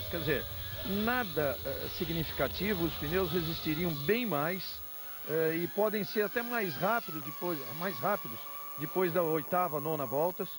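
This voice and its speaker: A Brazilian man analyses a motor race off the cuff. His voice sits a little high and he explains in long, wandering detail. Clear engine noise is heard behind him. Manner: explanatory, rambling anecdotal detail. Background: race cars and trackside ambience.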